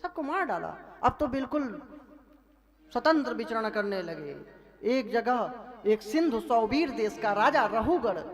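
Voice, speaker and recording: Man preaching a lively devotional sermon. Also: high-pitched. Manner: lively, folksy, asks the audience questions. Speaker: scripture storyteller. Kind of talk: devotional sermon with story-telling.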